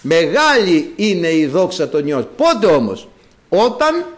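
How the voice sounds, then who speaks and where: Man, priest, sermon, animated storytelling, high voice, swooping pitch. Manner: animated storytelling, repeatedly addressing the congregation.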